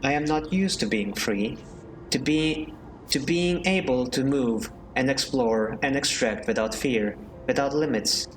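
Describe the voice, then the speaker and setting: A man voicing a calm, curious station AI in a flat robotic manner while reading a game aloud. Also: mid-range voice, measured pace, slight background noise, natural voice, poor audio. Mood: wondering. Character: calm male-voiced station AI, curious and formal.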